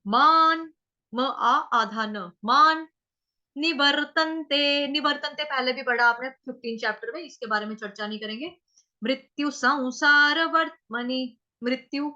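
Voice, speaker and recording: A woman teaching verse recitation in an online class, breaking words into syllables slowly and repeating them for her students. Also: a little high, bright, forceful tone, dull audio. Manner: slow, syllable-by-syllable drilling with repeated examples. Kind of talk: online pronunciation lesson.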